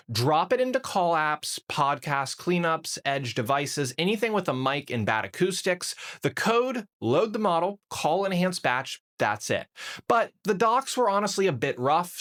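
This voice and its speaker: Guy walking thru a software demo, kinda high voice, bouncy and blunt about what works. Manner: candid, conversational, blunt opinions. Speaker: tech video presenter. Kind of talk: casual software demo walkthrough.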